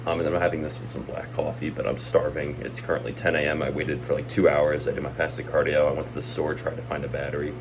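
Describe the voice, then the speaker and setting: A man's voice: rumbling low, flat delivery, fast talker, hardly any pauses, noisy background. A young man in college talking casually to the camera as a fitness vlogger, laid-back and rambling with lots of ums and likes. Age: young adult. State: slightly out of breath on a treadmill. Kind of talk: casual vlog chat.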